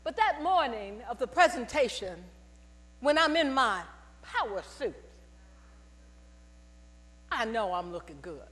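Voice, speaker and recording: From the pulpit of a big sanctuary, an older woman robed in purple gives a testimony sermon, unhurried and pausing often, her voice on the high side. She animates her stories with call-and-response to the congregation; the headset mic picks up long reverb and mains hum.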